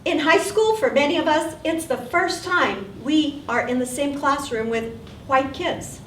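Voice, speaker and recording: Recorded from a distance, this older South Texas storyteller sounds spacious, with soft theater ambience plus a bit of hiss or hum. Alone onstage, she delivers a monologue in a high voice, unhurried and deliberate, full of dry wit and animated, acted-out asides.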